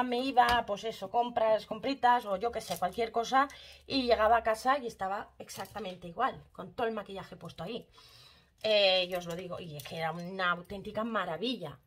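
Brief: bright-voiced woman vlogger, chatty makeup demo addressed to viewers. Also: fairly high pitch, normal speed, a little hiss or hum. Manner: chatty, addresses viewers directly, fond of diminutives. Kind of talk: casual makeup tutorial chat.

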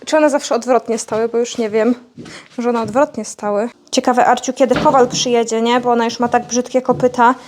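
A woman's voice: a little high, steady tone, a little fast, a little mellow, slight background noise. A young woman vlogging outdoors on a farmyard, chatting casually to her animals and playfully scolding them.

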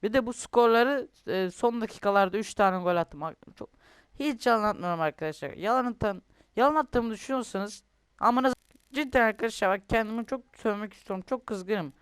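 A man's voice: high voice, brisk, clean tone, no echo, studio quality. A young man commentating his own football video game, ranting and complaining with lots of swearing. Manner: frustrated, swears often, rants and complains. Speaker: gaming youtuber.

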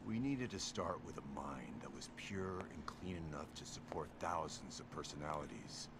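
An actor playing a grandiose, sinister secret-organization leader in a video game, speaking in measured, pompous speeches. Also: male voice, very deep voice, background noise. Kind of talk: video game cutscene acting.

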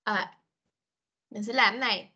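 A woman teaching English to young children over a video call, speaking, patient and coaxing, mixing with slow English. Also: medium pitch, steady tone, sharp tone, husky, muffled recording. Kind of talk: online class for young children.

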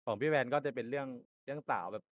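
A man's voice: mid-range voice, fast, dry recording, lo-fi sound. A young adult man answering interview questions in a rambling way, full of fillers and restarts. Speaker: applicant being interviewed.

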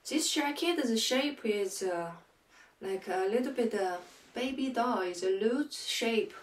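Slow halting woman vlogger, echoey room. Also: on the high side, animated, slight background noise. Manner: halting, with many pauses and fillers. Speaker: fashion vlogger. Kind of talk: casual unboxing and try-on. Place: small room at home, indoors.

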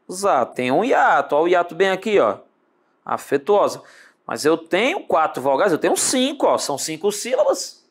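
A man with a Brazilian Portuguese accent teaching an online exam-prep lesson, speaking straight to the student and drawing words out slowly as he breaks them down. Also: high voice. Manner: animated, talks to the student directly with lots of tag questions; drawls words out slowly when spelling them.

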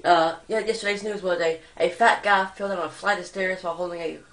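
A teenage boy playing parody news anchor to a handheld camera in a small room, rambling and halting as he improvises. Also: high voice, fairly even intonation, fairly bright tone, roomy sound. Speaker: host of a homemade parody news show. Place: small bare room indoors. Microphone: handheld phone or webcam at arm's length.

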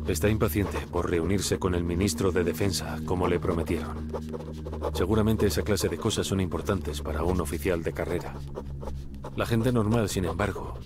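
A man's voice: low voice, noisy background, close to an everyday voice. An actor playing a pensive young soldier, narrating his journey in a scripted video game monologue.

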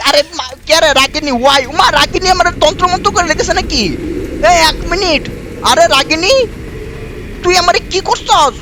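A young man with a giving excitable, dramatic commentary on a horror game. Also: very high voice, brisk, noisy background. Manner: excitable, dramatic, pleading and shouting in mock panic. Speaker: gaming YouTuber.

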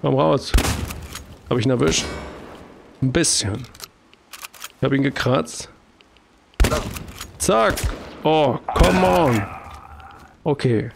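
Gravelly German let's-play host. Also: male voice, medium pitch, slow, long pauses, noisy background. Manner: chatty, self-talking, jokey exclamations. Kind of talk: casual gameplay commentary.

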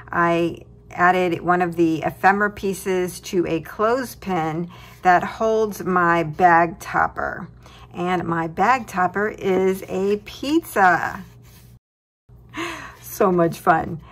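A woman with a somewhat low voice talks slowly through a paper-craft project. She sounds cheerful and chuckles at her own remarks as she shows pieces at her tabletop desk. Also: a bit bright. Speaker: craft tutorial host. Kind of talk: relaxed crafting walkthrough.

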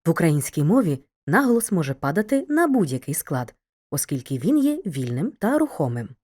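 A woman narrating a scripted educational video lesson, speaking to the student in a clear, measured way. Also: low-pitched, sing-song, darkish tone.

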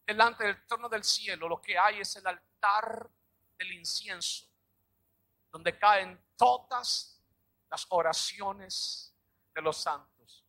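High, bright-voiced preaching man. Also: slow. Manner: dramatic, acts out little scenes and shouts key lines. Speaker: pastor. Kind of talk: preaching a sermon.

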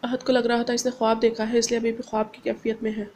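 A woman narrating a romance novel aloud at an even, steady pace. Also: a little high, quick pace, slight background noise. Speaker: audiobook narrator. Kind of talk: novel reading.

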